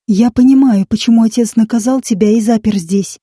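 A young village aunt, played by a woman, speaks with a mellow, slightly husky tone, lightly teasing one moment and sternly scolding the next. The voice sits a little high, with a dry, close sound. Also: a little fast, no room sound. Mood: serious. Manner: teasing, then sharp and scolding.

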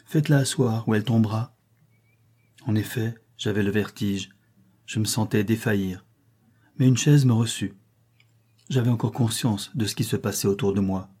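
A man narrating a classic novel in a measured, expressive reading. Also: on the low side, slightly rough. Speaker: audiobook narrator.

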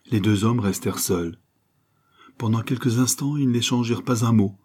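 Low, husky male narrator. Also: a little mellow. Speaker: audiobook narrator. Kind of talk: literary narration.

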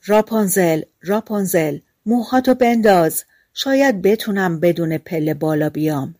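A woman voicing a kind young prince in a fairy-tale audiobook, speaking gently. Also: fairly low pitch, animated, dry recording, clean studio sound. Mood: hopeful. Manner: gentle, warm speech.

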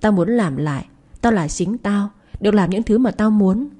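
A woman's voice: medium pitch, lively intonation, normal speed, mellow, husky. A woman voicing a wounded runaway teenage boy who speaks with wry bitterness.

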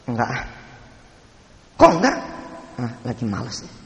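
A man voicing a grieving husband who quietly talks himself out of sorrow. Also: high voice, fairly even intonation, quick pace, reverberant, in a large hall, lightly acted. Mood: reluctant.

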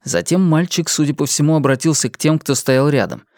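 An audiobook narrator reading in an even, measured manner. The pitch sits in the middle, and the recording is close and dry, with no room echo.

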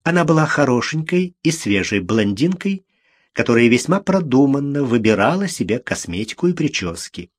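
Man narrating an audiobook in a measured way. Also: medium pitch. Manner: measured, even storytelling. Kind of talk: scripted narration.

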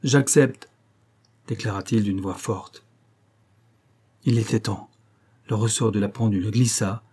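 Low, husky male audiobook narrator. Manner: steady, measured reading. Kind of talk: scripted narration of a novel.

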